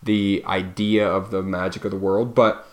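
Sitting low in pitch with a level tone, this podcast co-host in his thirties talks at normal speed in a relaxed, wandering way, often breaking off and restarting his thoughts. A little hiss or hum runs under the recording.

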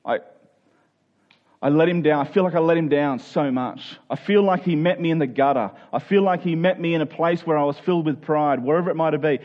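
A male preacher whose voice is fairly high yet darkish in tone gives a conversational, expository sermon from scripture. He works through each point, repeats important phrases and makes sure listeners are keeping up, on a slightly dull, lo-fi recording.

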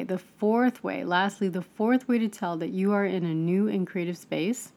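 A woman giving a casual spiritual self-help talk, conversational, with many fillers and restarts and animated, mock-exasperated asides. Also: lowish voice.

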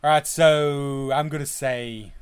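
A man with a thick deep Southern US accent and slightly mumbled diction, bantering casually as a podcast co-host. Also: steady tone, slow pace, clean tone, no echo.

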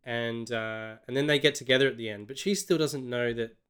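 Smooth-voiced Australian man. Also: mid-range voice, brisk, a bit bright. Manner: sardonic, rambling with restarts. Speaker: podcast co-host. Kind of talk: casual film review chat.

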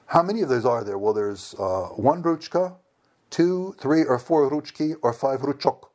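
Animated man telling stories. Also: medium pitch, moderate pace. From United States. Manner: animated, acts out dialogue with laughs. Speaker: storyteller. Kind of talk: casual anecdote telling.

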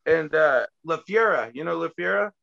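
A man's voice: on the high side, normal speed, vocal fry, no echo, muffled recording. A man telling wild road stories in casual chat, swearing and laughing. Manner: animated, profane, laughing storyteller. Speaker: guest, former wrestler. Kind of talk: casual storytelling.

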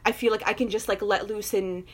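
A young woman with a Moroccan family background, chatting casually and telling animated personal stories, full of fillers and laughter. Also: medium pitch, a little fast. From Moroccan family, grew up in an English-speaking country. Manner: animated storytelling, lots of fillers, laughs often. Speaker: guest. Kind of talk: casual chat.

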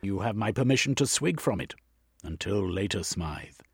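A pompous, eccentric Victorian gentleman adventurer, as a male narrator puts him on, barking orders in a raised, louder voice. His tone is gravelly and a touch husky, recorded dry and close. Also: on the low side, expressive, no room sound. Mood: commanding. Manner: pompous, brisk upper-class commands.

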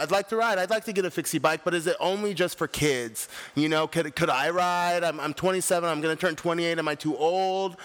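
A man's voice: on the high side, a bit bright, clean tone. A man in his twenties co-hosting a cycling podcast, talking in a laid-back, slangy way with lots of fillers. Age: 20s. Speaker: podcast co-host. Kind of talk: casual chat. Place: bike shop.

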